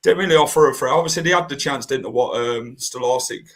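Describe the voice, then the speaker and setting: A man's voice: medium pitch, fast, fairly bright tone. A man hosting a casual football podcast, leading the talk and putting questions to his co-hosts. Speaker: podcast host.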